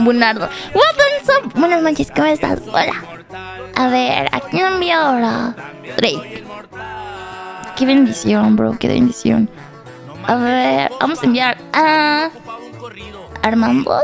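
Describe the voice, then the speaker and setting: A young woman giving casual gameplay commentary, laughing often, shouting at the game and reading pickup lines aloud. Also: sits high, creaky. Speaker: streamer.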